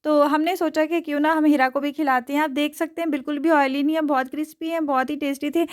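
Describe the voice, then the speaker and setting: A woman's voice: sits high, fairly even intonation, fast, dry recording, studio quality. A young woman, chatting casually to her viewers in a family vlog. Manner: chatty, addresses viewers directly. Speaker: family vlogger.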